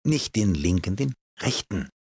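A man's voice: on the low side, big pitch swings, a little slow, a little mellow, slightly rough, dry recording, exaggerated voice. Man doing a gushing society hostess. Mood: chattering. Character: witty chattering society hostess, woman. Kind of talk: audiobook character voice.

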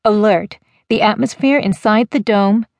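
A woman voicing an automated alert system that issues clipped, flat emergency announcements in an audiobook. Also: medium pitch, a little slow, vocal fry, no room sound. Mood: urgent announcement.

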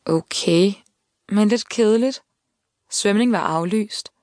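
A woman voicing a shy, embarrassed twelve-year-old girl in an audiobook, with flustered, hurried replies. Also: medium pitch, a little mellow, no room sound, natural voice. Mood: evasive. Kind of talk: audiobook character voice. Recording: dry studio voice.

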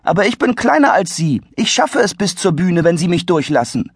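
A man's voice: sits high, big pitch swings, moderate pace, breathy edge, no room sound, clean studio sound, pitched above the performer's own voice, heavily acted. A man voicing a cheeky, stubborn young boy in a children's audiobook, pushy and grumpy.

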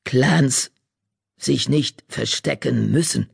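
A man voicing a wise old female badger seer who speaks slowly in broken, oddly ordered sentences. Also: medium pitch, vocal fry, husky, no echo, clean studio sound, pitched below the performer's own voice, heavily acted. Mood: calm. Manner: slow, broken word order, calm.

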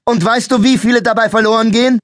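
A male narrator voicing a brutal mustached policeman who shouts threats at a boy. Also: high-pitched, fairly quick, no echo, clean studio sound, pitched above the performer's own voice. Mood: scornful berating.

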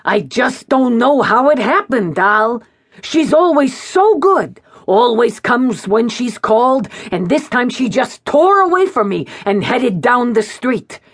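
A woman's voice: a little high, sing-song, slow pace, breathy edge, pitched above the performer's own voice, heavily acted. A woman reading a fretful, rambling elderly man who dotes on his dog, in an audiobook. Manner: anxious, rambling, plaintive.

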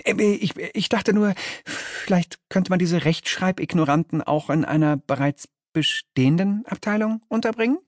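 A man's voice: sits high, normal speed, dry recording, clean studio sound, voice pushed up, close to an everyday voice. A man voicing a timid demon clerk who stammers and hesitates. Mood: nervous.

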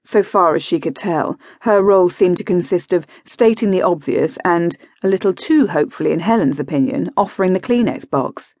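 A woman narrating an audiobook thriller in a measured, wry manner. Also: on the low side, lively intonation, a little mellow, no echo, clean studio sound.

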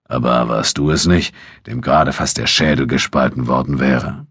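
A man's voice: a bass voice, fairly even intonation, moderate pace, a bit bright, slightly rough, no room sound, full character voice. Man doing a sardonic Nubian warrior. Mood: offhand teasing. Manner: offhand, dry mocking tone.

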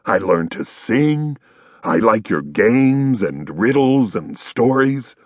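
A man playing a friendly storybook wolf who stutters and begs to be taken in. His voice is husky and dry, and it swings up and down as he pleads. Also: lowish voice, sing-song, slow pace, a little mellow, no echo, full character voice. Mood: pleading.

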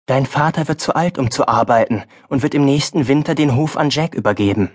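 A man's voice: mid-range voice, brisk, lightly acted. A male audiobook narrator voicing a farm boy's stern, wise mother, speaking firmly and earnestly. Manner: firm, earnest, then softer.

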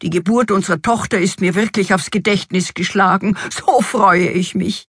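A woman voicing an excitable, fussy fairy-tale king in a storybook reading, with an exuberant, exclamatory manner. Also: medium pitch, moderate pace, husky, dry recording, studio quality.

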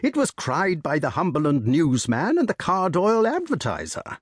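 A man's voice: fairly high pitch, wildly swooping pitch, moderate pace, breathy edge, dry recording, clean studio sound, pitched above the performer's own voice, heavily acted. A man voicing a hearty, blustering old country knight who talks in bluff, clipped phrases.

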